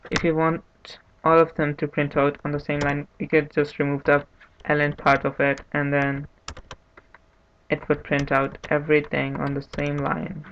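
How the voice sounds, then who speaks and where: A man hosting a screen-recorded programming tutorial, talking in a monotone, unhurried way and thinking aloud with restarts. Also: on the high side. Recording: dull lo-fi mic with faint hiss. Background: keyboard typing and clicks.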